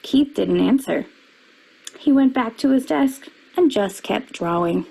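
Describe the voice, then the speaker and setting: A woman reads a children's picture book aloud with a slightly husky voice. Her delivery is expressive, and she lifts her pitch for the characters' quoted lines. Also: measured pace, poor audio.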